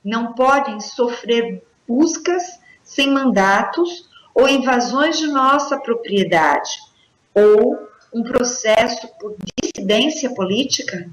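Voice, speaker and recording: Lady reading slow and careful on a talk show, bit high voice, roomy echo. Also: lively intonation. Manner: slow, deliberate read-aloud delivery. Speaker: co-host. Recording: roomy echoey sound.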